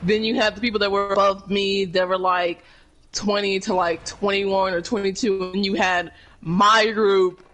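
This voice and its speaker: A man's voice: sits high, little pitch movement, normal speed, bright, forceful tone. A young man streaming a game, chatting casually and swearing often, with frequent laughs. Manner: laid-back, profane, laughs often. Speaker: gaming streamer. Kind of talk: casual chat while gaming.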